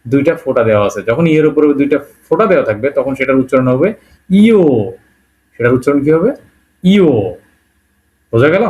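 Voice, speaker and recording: A patient male teacher walking beginners through an alphabet, one letter at a time. He repeats each sound slowly and keeps checking in with a quick "okay?". English words slip into his explanations now and then. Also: mid-range voice, darkish tone. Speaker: language teacher. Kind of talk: Bengali-language alphabet lesson.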